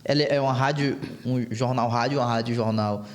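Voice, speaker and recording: A young man in his twenties interviews a guest in a Brazilian Portuguese accent. His voice is of middling pitch, and he keeps affirming her with short, easy agreements. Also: steady tone, brisk. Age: 20s.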